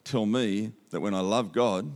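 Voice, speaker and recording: This Australian guest preacher has a fairly low, darkish voice and an unhurried delivery. Using a handheld microphone in a church auditorium, he gives an upbeat, conversational sermon, repeating key phrases for emphasis.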